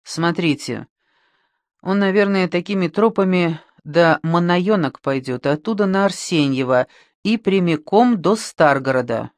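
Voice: medium pitch, animated, a little slow, dry recording. Reader as an anxious young gang member, dry sound. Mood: explaining.

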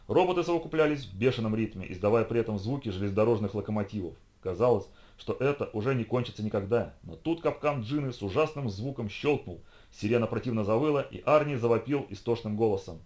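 A man narrating an audiobook in an even storytelling read. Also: medium pitch.

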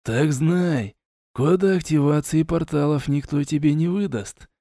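A man reading the part of an experienced, guarded male warrior and earth mage, his lines slowed and set a little lower than the narration. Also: mellow, no room sound, studio quality. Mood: probing.

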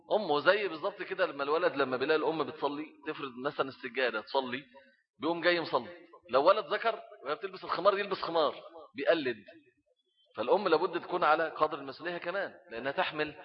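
Talking fast in a slightly high voice, a middle-aged Islamic preacher with an Egyptian Arabic accent delivers a religious talk on parenting, acting out small scenes along the way. The audio is dull and lo-fi.

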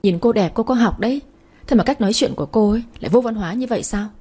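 A woman's voice: medium pitch, fast talker, mellow, husky. A woman voicing a defiant, hot-tempered teenage granddaughter who talks back sharply.

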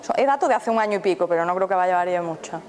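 A woman's voice: lowish voice, animated, very fast, a little mellow. A woman, a therapist giving a live mindfulness talk, who keeps turning to the audience with questions. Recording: reverberant hall, faint background noise.

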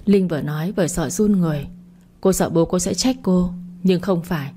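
A woman narrating a family drama story in a steady, unhurried reading voice. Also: lowish voice.

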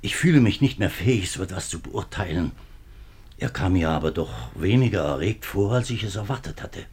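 In a 1950s German radio drama, a man plays a nervous, worn-down middle-aged government minister, husband and father, speaking formally but hesitantly with an anxious, weary mood. His low, slightly rough voice has a darkish tone, lively intonation and a slightly fast pace.

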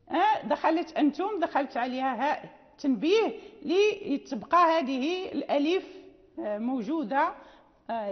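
A woman teaching Quran recitation rules in a classroom lecture, explaining step by step with many fillers and restarts. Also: high-pitched. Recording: dull lo-fi audio with long reverb.

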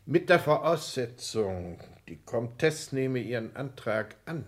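In a 1960s German radio play, a male actor portrays an older count who is reserved and haughty, using formal, measured, aristocratic diction. His voice is medium in pitch with lively intonation.

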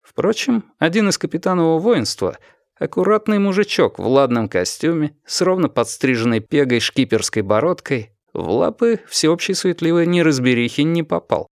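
A man's voice: fairly high pitch, sing-song, normal speed, no room sound. Man with a dry audiobook narration.

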